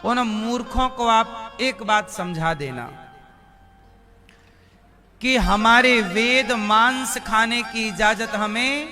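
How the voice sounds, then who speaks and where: High-voiced male preacher, slow and deliberate. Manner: questions the listeners and answers himself. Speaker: spiritual preacher. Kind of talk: devotional sermon. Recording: music playing under the voice.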